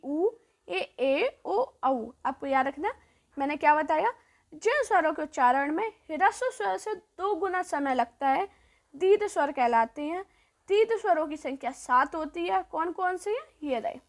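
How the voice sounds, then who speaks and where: Lady teacher with a really high voice, keeps repeating stuff, drags out the sounds so you can copy them. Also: animated, fairly bright tone. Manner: repeats points, asks and answers her own questions; draws out sounds slowly. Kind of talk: grammar lesson.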